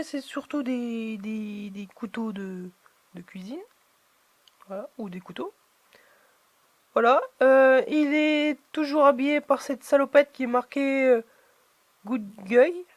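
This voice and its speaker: A high-pitched woman talks through an unboxing of collectible figurines in a loose, chatty way, stopping often to search for words. Her voice is close and dry, with no room sound around it. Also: no room sound. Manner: chatty, hesitant, many fillers. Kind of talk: casual unboxing commentary.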